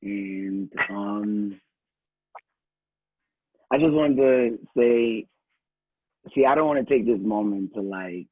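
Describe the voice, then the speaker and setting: A man's voice: fairly low pitch, takes it slowly, long pauses, dry recording. A man speaking on a video call as communications director, nervous and giggly but earnest. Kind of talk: casual online panel talk. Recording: tinny phone-like audio.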